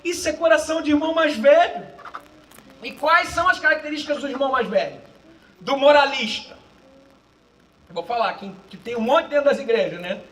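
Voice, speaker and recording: A man pastor preaching a sermon in a cinema hall, swinging between shouted lines and quiet asides. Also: very high-pitched, fairly quick, long pauses, far from the mic, a little hiss or hum. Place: cinema auditorium used for a church service.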